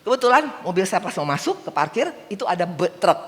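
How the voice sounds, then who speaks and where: A woman's voice: medium pitch, fast talker. A woman evangelist giving a sermon in a large church, telling stories and putting questions to the congregation. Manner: lively storytelling, asks the congregation questions. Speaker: evangelist preacher. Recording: long church-hall reverb.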